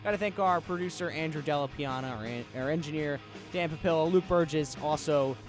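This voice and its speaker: A man hosting a casual sports radio show from a studio, telling listeners to calm down in an easygoing way. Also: on the high side, fairly quick, over music. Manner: laid-back, urging everyone to calm down. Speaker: radio sports talk host. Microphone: studio microphone.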